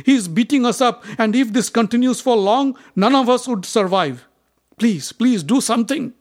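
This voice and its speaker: A man voicing a group of frightened serpents who plead loudly with their king in a storybook tale. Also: expressive, normal speed. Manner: high, loud and pleading.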